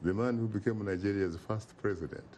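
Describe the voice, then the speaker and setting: Here the Ugandan man's voice is lowish and darkish, and he talks fairly quickly. As an interview guest he is fervent and oratorical, hammering points home by repeating phrases, while a slight hiss or hum sits in the background.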